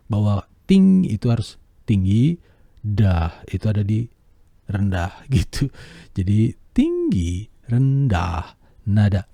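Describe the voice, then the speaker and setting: A man lecturing on how to read a script aloud, explaining each element and pausing to demonstrate it with his voice. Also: dark tone, dry recording, studio quality. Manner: demonstrates pitch, pace and voice color by example. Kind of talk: lecture on script reading, with vocal demos.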